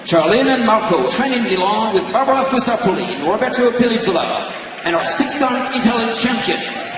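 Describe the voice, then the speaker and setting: A man making formal announcements over a public-address loudspeaker at an ice rink, with a steady, formal delivery. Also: moderate pace, recorded from a distance, background noise. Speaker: arena announcer. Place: large ice arena. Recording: booming loudspeaker in a vast echoing arena, heard from afar.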